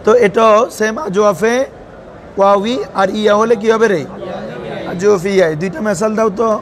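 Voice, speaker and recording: High-voiced male teacher quizzing a classroom. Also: fairly even intonation, a little fast, some chatter behind. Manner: quizzes students with a recurring "what is it?" tag. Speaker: madrasa teacher. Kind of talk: classroom lesson with call-and-response questions.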